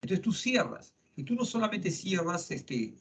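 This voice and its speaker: A man's voice: high voice, very animated, a little slow, creaky, fairly bright tone. A middle-aged man giving a psychology lecture in a classroom, conversational and full of tag questions. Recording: lo-fi classroom recording.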